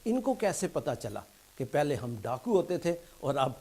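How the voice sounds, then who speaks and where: Man telling jokes on stage. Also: big pitch swings. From England. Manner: storytelling in Urdu mixed with English punchlines; soft, low asides when quoting characters. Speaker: stand-up comedian. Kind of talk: stand-up joke telling.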